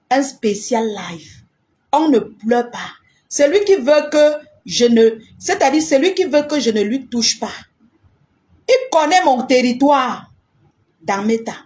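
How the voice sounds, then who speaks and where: A woman ranting defiantly in a live stream, boastful and repetitive, rising into shouts. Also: on the high side.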